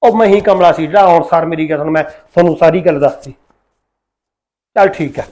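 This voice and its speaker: A man's voice: on the high side, darkish tone, natural voice. A man playing a young police officer who argues insistently with his mother about his marriage. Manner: insistent, pleading, fast talk. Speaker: son and police officer in a short film. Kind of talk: amateur village family drama acting.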